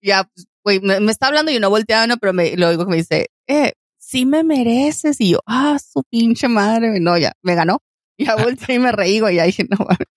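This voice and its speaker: A woman's voice: mid-range voice, fast, dry recording, studio quality. A young woman with a Mexican Spanish accent chatting casually and telling anecdotes in slangy speech, often laughing. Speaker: podcast co-host. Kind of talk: casual chat, storytelling.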